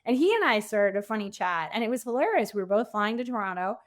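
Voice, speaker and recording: A woman with a mid-range voice talks very animatedly and quickly as a podcast guest, an author and coach illustrating her points with casual anecdotes and performed quotes.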